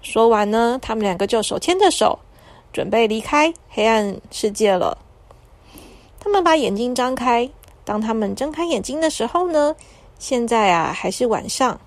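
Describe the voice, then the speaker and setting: A woman narrating a bedtime story for children in a soft, soothing manner. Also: fairly high pitch, lively intonation, no echo. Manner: soft, soothing, slow at the end.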